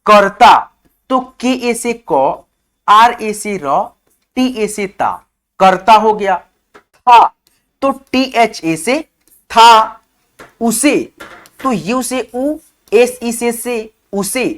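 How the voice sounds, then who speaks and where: A man talks through an online spelling lesson, breaking each word into letters at an unhurried pace. He keeps stopping to check in with his viewers, calling them friends. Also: very high voice, a bit bright. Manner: spells words out letter by letter, slowly; often says "okay, friends". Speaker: English teacher.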